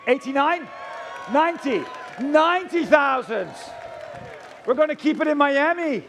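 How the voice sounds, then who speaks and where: Male auctioneer with a very high voice, theatrical delivery, calling bids live and working the bidders. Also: normal speed, fairly bright tone, some chatter behind, a little hiss or hum. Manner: chanting rising numbers, addressing bidders directly, theatrical.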